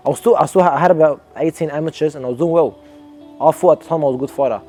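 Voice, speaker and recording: Fast-talking Australian young man. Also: fairly high pitch, mellow, faint music behind. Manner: earnest, reflective, restarts sentences. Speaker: amateur boxer interviewee. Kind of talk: documentary interview.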